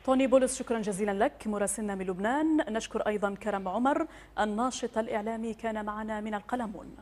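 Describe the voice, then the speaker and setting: A woman's voice: medium pitch, racing, a little mellow. A woman in her thirties reading formal news as an anchor in a television studio.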